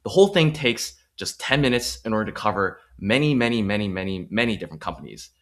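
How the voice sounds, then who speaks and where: This man hosts a finance tutorial, walking the viewer through each step on screen with emphatic, sales-pitch phrasing. His voice sits on the low side, a bit bright, animated and quick.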